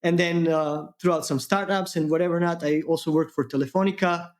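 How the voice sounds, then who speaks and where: Male engineer guest, lightly raised pitch, halting and casual. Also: steady tone. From Serbia. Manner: halting, many fillers, laughs easily. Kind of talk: casual tech interview.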